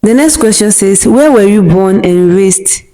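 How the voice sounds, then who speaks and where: A young Nigerian woman with a Nigerian accent reads her viewers' questions aloud and answers each one slowly and deliberately, letting out short laughs in between. Her medium-pitched voice is animated and warm, though the audio quality is poor, in what sounds like a scripted question-and-answer monologue.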